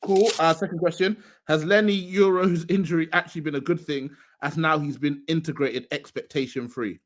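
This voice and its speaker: A young man hosts a football podcast and reads listener questions in an easygoing way. His voice sits a little high. He moves between the questions and light joking with his co-hosts. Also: fairly even intonation, moderate pace. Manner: laid-back, reads out questions then jokes around. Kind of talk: casual chat.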